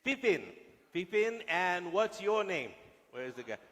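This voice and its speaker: A man's voice: high voice, very animated, measured pace, fairly bright tone. A male guest lecturer speaking to police officers in a large lecture hall, joking with and teasing the audience. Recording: long hall reverb.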